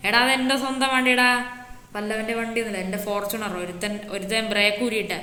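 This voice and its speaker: A woman with a fairly high, steady, sharp voice speaks quickly, playing an easygoing adult man in a game role-play. He shows off his city in a casual, boastful, teasing big-brother tone, and the recording has echoey room reverb.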